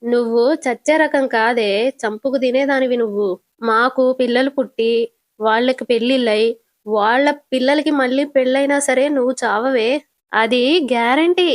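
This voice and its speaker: A woman's voice: on the high side, moderate pace, no echo, clean studio sound, natural voice. A woman voicing a cheeky young man who mocks and bosses his grandmother. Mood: mocking. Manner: mocking, bossy, rude.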